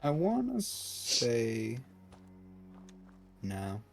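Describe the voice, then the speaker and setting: A man's voice: medium pitch, wildly swooping pitch, very slow, creaky, soft background music. A man casually chatting and teasing while streaming a video game, in a playful, mock-indignant manner.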